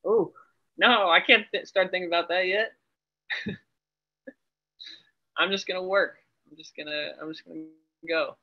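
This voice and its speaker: A man's voice: high-pitched, steady tone, a little slow, long pauses. A young adult man, an Air Force family medicine resident, chatting in an upbeat way and laughing easily over a video call. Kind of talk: casual video-call interview. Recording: dull video-call audio.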